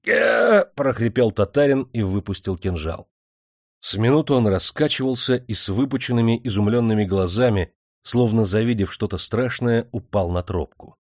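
A man reads a historical novel aloud in a steady, measured narration. His voice sits on the low side, and the recording is dry and close, with no room sound at all. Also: dry recording. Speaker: audiobook narrator. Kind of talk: scripted narration.

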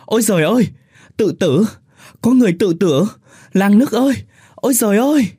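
A man voicing a hysterical young village wife screaming for help, with a husky voice. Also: sits high, animated, brisk, dark tone, voice pushed up. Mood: panicked.

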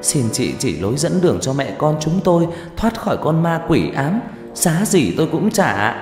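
A man voicing a middle-aged mother who begs a spirit for help in a high, tearful voice. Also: very animated, normal speed. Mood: pleading. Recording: reverberant room with faint music.

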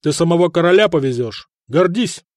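A man's voice: fairly high pitch, expressive, brisk, dry recording, clean studio sound, lightly acted. Man doing a brash, commanding warrior-king. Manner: brash, commanding, shouting orders. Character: ruthless bold warrior-king, commanding male.

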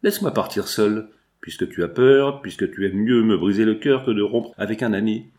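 A man's voice: fairly low pitch, normal speed, darkish tone, natural voice. A man voicing a desperate, jealous young woman who pleads with her lover in an audiobook. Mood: pleading. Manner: pleading, passionate.

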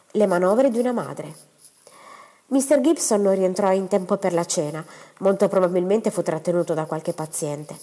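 Woman audiobook reader, expressive and measured, in a reverberant hall. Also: medium pitch. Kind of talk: novel read aloud.

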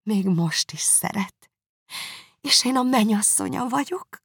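A woman doing a gentle, earnest young sister. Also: a little high, lively intonation, husky, no room sound, studio quality, voice pushed up. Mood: disbelieving. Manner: earnest, incredulous, warm. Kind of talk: audiobook character voice.

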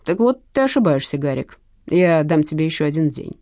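In an audiobook, a hoarse, mocking male gangster threatens and sneers with a lively, swinging delivery, as a woman reader puts him on. The sound is warm and dry, close to the mic. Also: low-pitched, brisk, no room sound, voice pushed down. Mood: threatening. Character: menacing male gangster loan shark, mocking. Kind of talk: audiobook character voice.

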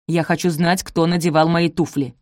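A haughty middle-aged stepmother who snaps and barks her orders, put on by a woman narrator. Her voice is loud and shrill, and the audiobook recording is dry and close. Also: level tone, moderate pace, no room sound, lightly acted. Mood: furious. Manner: snapping, shrill and imperious.

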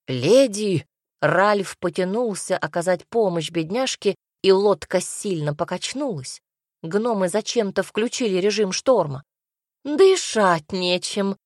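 A woman narrating a first-person fantasy audiobook with wry, lively storytelling. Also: medium pitch, measured pace, no room sound, clean studio sound.

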